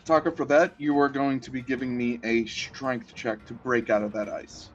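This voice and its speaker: A man's voice: mid-range voice, level tone, moderate pace, slight background noise. Man running a game, lo-fi audio. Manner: explains rules with easy laughter. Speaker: game master. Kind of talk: narrating a tabletop game. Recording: dull lo-fi audio.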